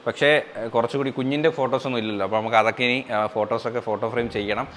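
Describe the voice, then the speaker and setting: Quick-talking man vlogging. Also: mid-range voice, fairly even intonation, a bit bright, a little hiss or hum. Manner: chatty, addresses viewers as guys. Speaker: family vlogger. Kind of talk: casual home vlog.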